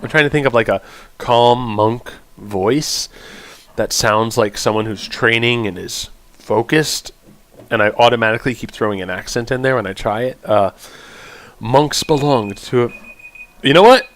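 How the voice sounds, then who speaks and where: A man hosting a let's play, reading the game's codex entries aloud and commenting with animated, self-deprecating asides. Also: medium pitch, normal speed.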